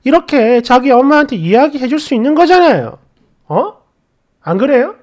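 A woman's voice: high-pitched, big pitch swings, normal speed, a little mellow. A middle-aged woman narrating a first-person family story, indignant and confiding, addressing the listener directly.

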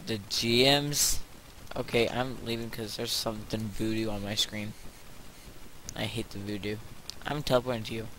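A man's voice: lowish voice, steady tone, moderate pace, background noise. A young man joking around with a friend while playing an online game. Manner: joking, easily distracted. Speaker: gamer. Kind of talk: casual game chat.

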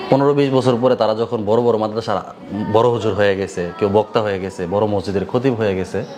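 A male madrasa teacher speaks in colloquial Bangladeshi Bengali as he gives his students a moral lesson. He checks their attention by turning each point into a question for them to answer. Steady noise hums under his voice throughout. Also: lowish voice. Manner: quizzes listeners with repeated rhetorical questions.

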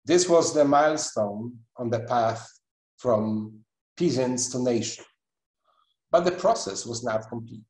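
A middle-aged man giving an online history lecture over a webcam video call, speaking in a measured way with frequent pauses and restarts. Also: medium pitch, a little mellow, reverberant, poor audio. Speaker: guest lecturer. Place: indoor room at a computer.

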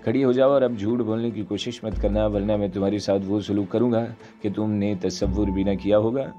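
A man's voice: fairly low pitch, steady tone, fairly quick, dark tone, close to an everyday voice. A man reading a story aloud and voicing a ruthless male commando who growls cold, menacing threats. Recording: dull lo-fi sound, faint music behind.

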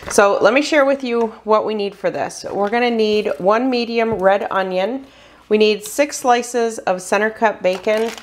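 A chatty cooking channel host talks through recipes step by step in a casual meal prep tutorial, her voice-over running while her hands cook on camera. Her voice is mid-range and unhurried, with a little hiss or hum in the audio.

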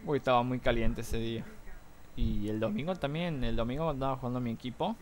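A man's voice: mid-range voice, fast. A young man with an Argentine accent chatting casually to his viewers from home, telling stories with sound effects on a cheap mic. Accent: Argentine Spanish. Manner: excitable storyteller, mimics noises and shouts. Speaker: gaming vlogger. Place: room at home with a fan running. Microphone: cheap desktop mic. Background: faint fan hum.

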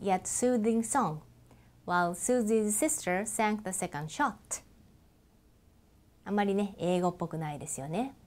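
A woman teaching English pronunciation, holding out long vowels and giving gentle, encouraging instructions. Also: mid-range voice. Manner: models drawn-out vowels and slow example sentences. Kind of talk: pronunciation lesson.

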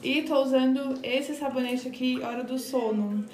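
A woman's voice: high voice, moderate pace, slight background noise. A young woman with a Brazilian Portuguese accent, a mother of twins chatting cheerfully to her viewers while caring for her babies. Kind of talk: casual vlog chat to viewers. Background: loud background music.

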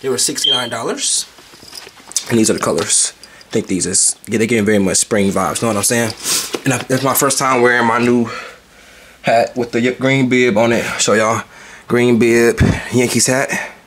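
A man's voice: medium pitch, moderate pace. A young man chatting casually and playfully to the camera in a loose vlog style, recorded from arm's length inside a car. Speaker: vlogger. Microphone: handheld camera at arm's length. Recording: loud road noise in a car. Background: car and road noise.

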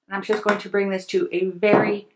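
This soap-making host, a middle-aged woman, narrates her process casually from a home kitchen table under an overhead camera, thinking out loud as she mixes. Her voice sits in the middle range and runs a little fast, sometimes quiet, sometimes lively, with slight background noise.

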